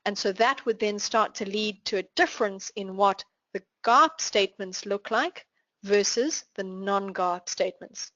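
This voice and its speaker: A woman with a South African accent, teaching a finance class online and walking through examples in a clear, explanatory way. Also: medium pitch, measured pace, pushed and bright, dry recording, muffled recording. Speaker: finance instructor. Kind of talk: live online class lecture.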